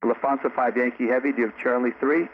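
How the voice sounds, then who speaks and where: A man working as an air traffic controller, giving calm, measured instructions to pilots over a radio with static bursts. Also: medium pitch. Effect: radio transmission with static bursts. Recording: tinny radio with faint static.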